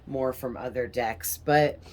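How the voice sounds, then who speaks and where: A woman's voice: very deep voice, steady tone, takes it slowly, a little hiss or hum. A woman giving a casual tarot reading in a chatty, rambling way, breathing a little heavily from a sinus infection. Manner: rambling, chatty, with fillers and soft laughs. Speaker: tarot reader.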